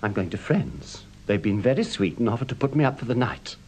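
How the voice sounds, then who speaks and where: An actor voices a fussy, nervous gentleman in a vintage radio drama. His fretful, melodramatic delivery rises and falls widely. A faint hiss sits under the old recording. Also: medium pitch, expressive, fairly quick, close to an everyday voice, rough recording. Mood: exhausted. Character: nervous fussy gentleman, shaken after an attack. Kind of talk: 1950s radio drama acting.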